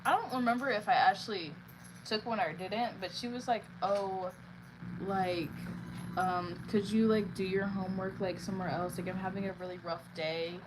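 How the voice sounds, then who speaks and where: A woman's voice: medium pitch, steady tone, moderate pace. Young woman, blunt, chatty, heavy on filler words, casual storytelling, faint background hiss. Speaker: artist streaming live. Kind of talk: casual storytelling while painting.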